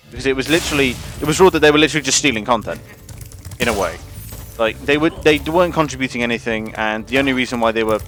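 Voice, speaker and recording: Guy ranting on his game stream, swears a lot, mid pitch, bit of music behind. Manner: profane, rambling, animated. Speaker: gaming streamer. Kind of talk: casual livestream rant.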